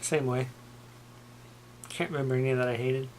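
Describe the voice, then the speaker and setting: A man's voice: mid-range voice, fairly even intonation, normal speed, poor audio. A man chatting casually with his girlfriend on her vlog and cracking dry jokes. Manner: joking, dry. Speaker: vlogger's boyfriend. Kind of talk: casual chat.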